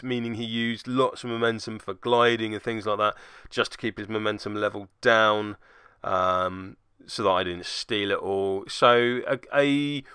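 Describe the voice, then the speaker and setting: A British man hosts a tabletop game battle report channel, recapping a game in casual, unscripted commentary that's wry, self-deprecating and rambling. His mid-range voice has a sharp, smooth tone, captured with clean studio sound and no room sound.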